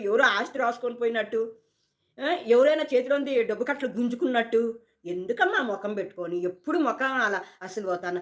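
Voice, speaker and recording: A woman talks fast in a casual monologue about a reality show, with a voice a little higher than most. She is chatty and opinionated, hammers points by repeating words and slips into little acted quotes. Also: fairly bright tone.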